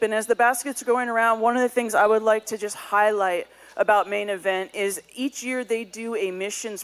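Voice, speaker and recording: A woman giving church announcements in a sanctuary, conversational with casual fillers. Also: on the high side.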